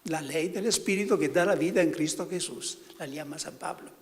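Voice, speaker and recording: A man, a priest, gives a spiritual talk to fellow priests in a fairly high voice, with the sound of a big room around him. His delivery is halting, and he often stops to search for words.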